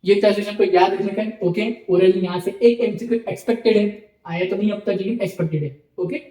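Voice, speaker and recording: Speaking fast with a warm tone, a man with a high voice walks through a Sanskrit lesson for an online video, reciting each letter in turn. He repeats his explanations and frequently checks in with "ठीक है" and "okay." Audio quality is poor and the room reverberates.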